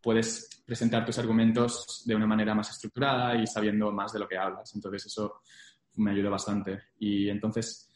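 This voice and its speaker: A man's voice: on the low side, monotone, normal speed, slight background noise. A young man in a casual interview, recounting his career in Spanglish, dropping English business terms into his Spanish. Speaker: interview guest, former investment banking analyst. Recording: echoey room.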